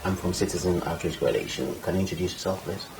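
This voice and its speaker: A man's voice: low voice, expressive, fast, gravelly, a little mellow, faint music behind, low-quality recording. A man interviewing a guest, asking brief, plain questions in an indoor room.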